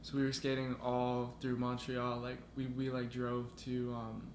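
A man's voice: medium pitch, completely flat delivery, a little slow, darkish tone. Laid-back young man in an echoey room. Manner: laid-back, rambling with fillers. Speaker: podcast guest. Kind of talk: casual chat. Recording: echoey room with background noise.

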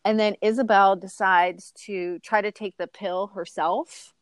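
A woman's voice: medium pitch, fairly even intonation, measured pace, no echo. A woman in her forties, a mother telling a chaotic family story as an interview guest, laughing often and acting out her own quotes.

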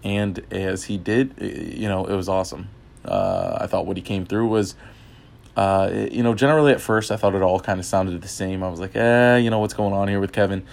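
Deep-voiced man rambling about music. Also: moderate pace, creaky, a little mellow. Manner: rambling, fillers, hiccups and burps. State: has the hiccups. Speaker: podcast host. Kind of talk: casual music review chat.

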